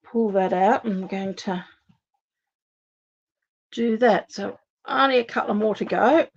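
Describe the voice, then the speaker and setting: In a casual live crafting session, an Australian woman makes cards while chatting and musing aloud to her viewers. Her medium-pitched voice is creaky and a little worn, as she's slightly losing it, and she keeps a measured pace. The sound is lo-fi.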